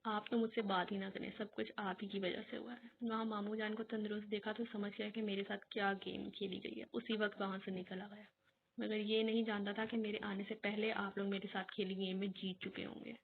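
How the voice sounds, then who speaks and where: A woman's voice: mid-range voice, little pitch movement, creaky, slightly rough. A woman reading as a furious possessive young man. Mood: bitter. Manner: shouting, accusing, then pleading. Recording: tinny phone-like recording with faint hiss.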